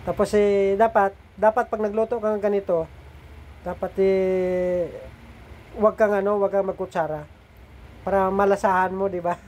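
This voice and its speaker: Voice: mid-range voice, fairly even intonation, unhurried, long pauses, a little mellow. A middle-aged food vlogger with a slightly nasal voice, chatting casually to viewers while eating and cooking, often turning to them for agreement.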